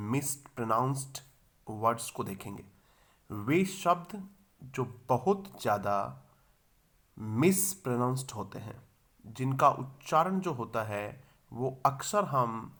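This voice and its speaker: A man teaching English pronunciation in a video lesson. He spells words letter by letter, sounds them out slowly and repeats them, and asks the viewer questions that he then answers himself. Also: mid-range voice, fairly bright tone.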